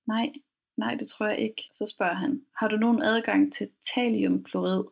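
A woman podcast host retelling a first-person account in a calm, measured way. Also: mid-range voice, gravelly. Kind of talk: storytelling podcast reading.

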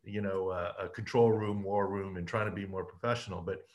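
A man's voice: deep voice, fairly even intonation, a little fast. Emphatic storytelling man, podcast host. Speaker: podcast host, injury analyst. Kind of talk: casual interview chat.

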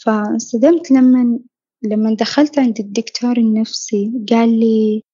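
A fairly high, husky woman's voice recounts her own story in a reflective, earnest way, sometimes sinking almost to a whisper. The tone is mellow and dark, recorded dry and close. The sound is dull and lo-fi. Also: fairly even intonation, normal speed, dry recording. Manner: reflective, earnest, dropping to soft near-whispers. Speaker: podcast guest sharing her story. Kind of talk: personal storytelling.

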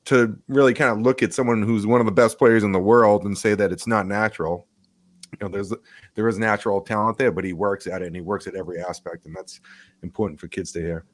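A man co-hosting a podcast, chatting casually and haltingly with lots of fillers. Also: on the low side, steady tone. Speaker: podcast co-host. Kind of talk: casual chat.

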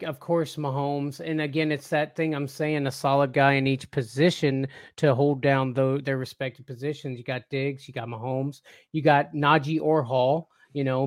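A man co-hosting a casual live fantasy football stream, excitable and repeating himself, laughing often. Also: mid-range voice, no echo, clean studio sound.

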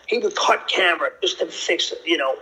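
Brash, high-pitched hyped-up bro. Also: male voice, animated, normal speed, pushed and bright, poor audio. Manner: brash hyped-up frat-bro talk, full of bro and swearing; blunt, opinionated. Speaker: film producer and actor being interviewed. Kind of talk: casual interview chat.

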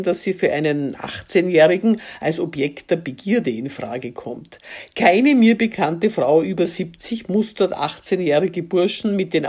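Woman columnist, dark mellow voice, dry wry reading of her own text. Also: on the low side, slightly rough.

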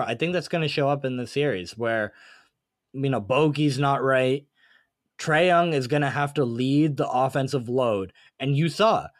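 A man's voice: medium pitch, dry recording, studio quality. A man co-hosting a sports podcast in casual chat, rambling and thinking aloud as he goes. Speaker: podcast co-host.

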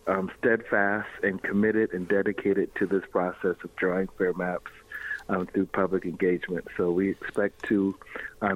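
A male spokesperson making a measured statement in a news clip, with some fillers. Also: on the low side, no echo. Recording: tinny phone-like audio.

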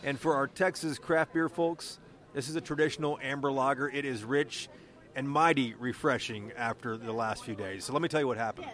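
A man's voice: medium pitch, fairly quick, a bit bright. Male podcast host, American accent, conversational political reporter, mid-range voice. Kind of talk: conversational podcast narration and interviewing.

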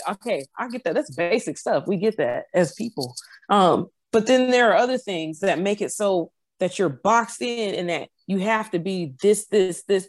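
A woman's voice: medium pitch, no room sound. A woman in casual conversation, explaining her views earnestly and often stopping to restart a phrase.

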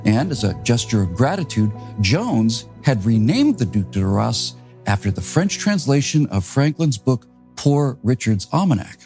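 A man narrating a naval history story in a scripted, dramatic storytelling manner with wide pitch swings. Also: very animated, moderate pace, a little mellow, faint music behind.

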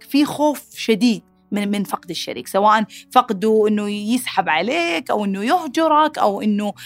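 Lady explaining psych stuff on her podcast, rattles along super fast, dry sound. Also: a little high, no echo. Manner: fast, animated, acts out angry quotes. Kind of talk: casual explanatory talk.

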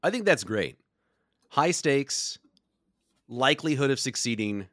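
Animated man telling a golf story. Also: mid-range voice, a little slow, dry recording, clean studio sound. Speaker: podcast co-host. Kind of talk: casual storytelling chat.

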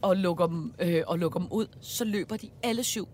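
A woman's voice: on the low side, a little hiss or hum. Chatty woman telling a story. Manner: chatty, storytelling, warm exclamations. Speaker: podcast co-host. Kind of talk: casual chat.

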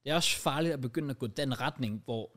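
A man's voice: mid-range voice, a bit bright. A young adult man with a Danish accent chatting casually, swearing and mixing English slang into his talk. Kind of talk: casual chat.

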